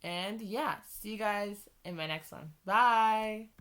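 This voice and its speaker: A woman's voice: mid-range voice, fairly bright tone, clear, resonant tone. A woman vlogger casually recommending movies, rambling and hurrying with many restarts. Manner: hurried talking.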